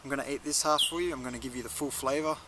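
A young adult chilli reviewer and video host gives a casual, laid-back review to camera outdoors in a leafy garden. He talks very fast and conversationally at a medium pitch with fairly even intonation, against background noise.

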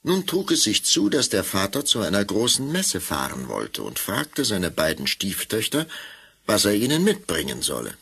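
Guy with doing warm fairy tale telling, really animated, bright forceful voice. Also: fairly low pitch, moderate pace, creaky, breathy edge, faint music behind. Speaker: narrator. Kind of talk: fairy tale narration for an audio drama.

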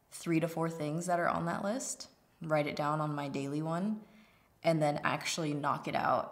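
A woman in her thirties chats casually and informally as a beauty vlogger, talking while she applies her makeup. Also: low-pitched. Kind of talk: casual get-ready-with-me chit chat while doing makeup. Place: indoor studio set with plain backdrop.

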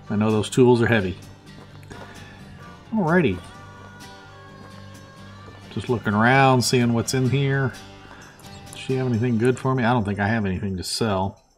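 A man casually commenting on a video game he is playing, thinking aloud with plenty of fillers. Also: medium pitch. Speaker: let's play host.

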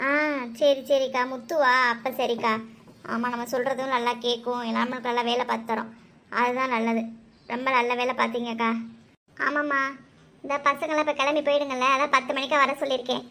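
A woman's voice: high-pitched, level tone, brisk, a bit bright. A woman voicing homely village women in a cartoon, chatty and scolding by turns. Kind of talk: cartoon voice acting.

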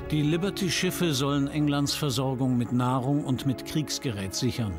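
A man narrates a history documentary in a grave, measured delivery. His pitch is medium and his phrases are short and dramatic, with music clearly playing behind. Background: background music.

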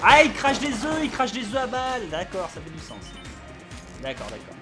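Game music plays as a man gives live let's play commentary, yelping and cursing excitedly at the action. He speaks high-pitched at a normal speed.

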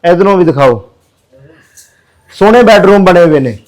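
A man's voice: high voice, lively intonation, moderate pace, darkish tone, poor audio. A man who works as a social worker, pleading earnestly with viewers in a charity appeal video.

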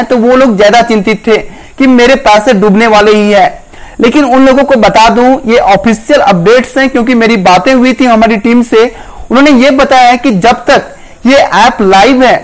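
A man's voice: very high voice, low-quality recording. A man hosting a tech channel, giving earnest, direct advice to viewers in a voice-over explainer.

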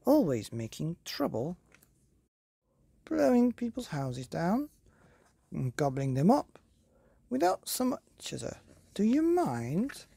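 A woman's voice: on the low side, huge pitch swings, slow pace, creaky, long pauses, mellow, breathy edge, no room sound, voice pushed up, heavily acted. A woman voicing a vain, easily flustered fairy godmother in a storybook, prim and chattering. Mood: exasperated. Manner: prim, chattering, self-absorbed.

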